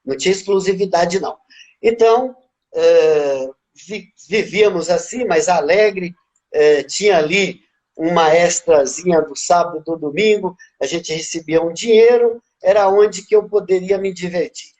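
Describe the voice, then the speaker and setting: In a casual interview about his life, this guest reflects on his past at an easy, conversational pace, frequently tagging his points with small questions for the listener. He's in his fifties, relaxed, with a rather high voice and a faint Bahian Portuguese accent; born in Minas Gerais, he grew up in Bahia, Brazil.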